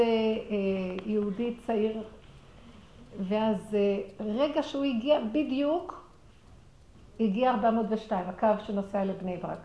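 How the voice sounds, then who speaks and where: A middle-aged woman telling a personal story in a religious talk, acting out the dialogue with animation and sinking into quiet, prayerful murmurs. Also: fairly high pitch. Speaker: speaker sharing a personal story. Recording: roomy echo with faint background noise.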